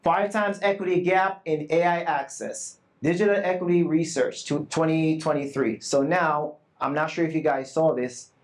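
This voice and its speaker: Speaking at a moderate pace with hardly any pauses, a man with a slightly high, fairly even voice addresses an audience of educators at a live summit. His talk is earnest and emphatic, sprinkled with jokes at his own expense, and he's asked to speak up after starting too quietly on the microphone.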